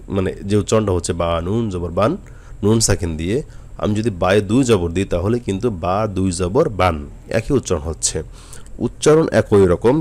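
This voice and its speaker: Very deep-voiced man teaching slowly. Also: darkish tone, slight background noise. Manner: patient, explains step by step, spells out letters slowly. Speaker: Quran teacher. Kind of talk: spoken tajweed lesson.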